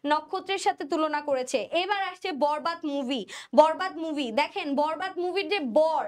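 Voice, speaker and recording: Young female tutor, very high voice, drills and repeats answers. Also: normal speed. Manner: repeats questions and answers, quizzes students. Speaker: admission test teacher. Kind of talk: online exam-prep lesson.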